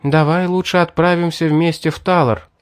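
A man voicing a wary young woman with fangs, raising his voice higher for her lines. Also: fairly even intonation, normal speed, no room sound, clean studio sound, lightly acted. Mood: pleading.

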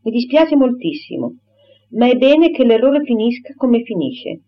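A woman voicing a proper young gentlewoman who firmly and formally rejects a suitor, on a dull lo-fi recording. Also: on the high side, sing-song, measured pace, voice pushed up. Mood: indignant firm. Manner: firm, crisp and formal.

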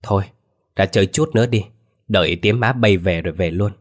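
A man voicing an easygoing old village grandfather, speaking in a relaxed, offhand way. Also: low voice, brisk.

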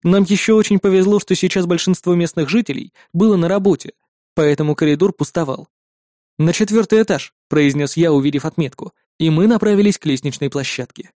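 A man's voice: fairly high pitch, brisk, warm tone, no room sound, studio quality. A man narrating a first-person story as an audiobook, in a wry, sardonic way.

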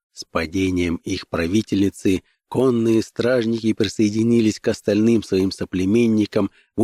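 A man narrating an adventure story in a measured, even storytelling manner. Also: low-pitched, dry recording, studio quality. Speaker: audiobook narrator. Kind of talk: scripted audiobook narration.

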